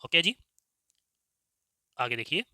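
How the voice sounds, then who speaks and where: A man teaching Hindi grammar, dictating slowly and repeating words so students can write them down, often saying "ok ji". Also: fairly high pitch, very animated, pushed and bright, no echo, clean studio sound. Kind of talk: slow dictation-style lesson.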